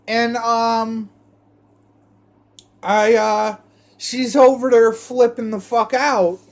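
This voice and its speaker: A man telling a rambling, profane personal story, repeating himself and stalling often. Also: high voice. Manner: rambling, profane, repetitive, halting with fillers.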